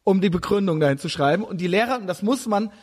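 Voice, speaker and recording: A man with a high, husky voice talks in loose, casual podcast chat. He rambles through stories in a blunt, self-mocking way. The talk feels unscripted and relaxed. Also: fast talker.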